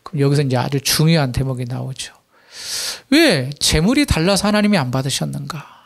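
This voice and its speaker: A male pastor delivering a Sunday sermon, his voice sitting a little higher than most men's. He reads scripture aloud and presses his listeners with emphatic rhetorical questions. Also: big pitch swings, a little fast, creaky.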